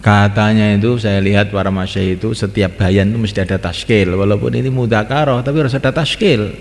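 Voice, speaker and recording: A man's voice: on the low side, fairly quick, a little mellow, a little hiss or hum. A man preaching an Islamic sermon, repeating phrases and breaking into chanted lines. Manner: repetitive, sing-song chanting of call to prayer. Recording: reverberant hall.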